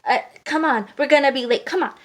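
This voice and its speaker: A woman voicing an impatient, hurried young female swan in a storybook reading, recorded on a phone. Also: high voice, slight background noise, close to an everyday voice. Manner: hurried, insistent.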